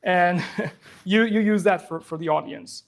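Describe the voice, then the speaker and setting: A man from Afghanistan, working as a software engineer, runs an informal live tech demo before a room audience. He has a high voice, talks rapidly with many restarts, and uses a handheld or clip mic.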